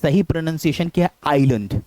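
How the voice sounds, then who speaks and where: A young Indian-accented man teaches pronunciation in an explanatory classroom style and drills each word several times. His voice sits a little high, and the recording is close and dry, with no room sound. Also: darkish tone, no room sound. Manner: explanatory, repeats words slowly for drills. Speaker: English teacher.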